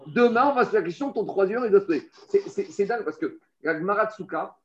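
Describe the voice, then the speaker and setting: A man's voice: high-pitched, animated, fast talker, a little mellow, slight background noise. A man teaching a Talmud study lesson, explaining step by step and speaking straight to the listener, often repeating words as he finds his phrasing. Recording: roomy, dull lo-fi sound.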